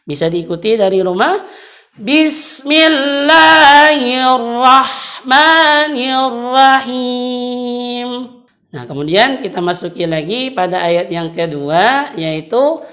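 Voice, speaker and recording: A woman teaching Quran recitation, patiently explaining and chanting drawn-out example syllables. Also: fairly low pitch, expressive.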